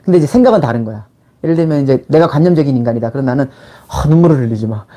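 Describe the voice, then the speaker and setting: A middle-aged channel host and life and money mentor speaks rapid-fire at medium pitch, with lively intonation and a warm tone. His casual lecture is blunt and informal, firing rhetorical questions at the listener. He stops to act out little quoted exchanges along the way.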